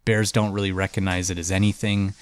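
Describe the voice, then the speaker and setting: A congested podcast host with a low, clear, resonant voice and little pitch movement tells a story fairly quickly. His casual storytelling chat is loose and chatty, packed with "like" and "um" fillers.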